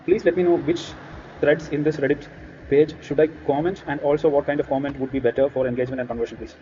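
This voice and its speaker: A man with an Indian accent talking through his screen in a casual walkthrough, thinking aloud and pausing on fillers. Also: a little high, steady tone, warm tone, highs cut off, slight background noise. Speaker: creator.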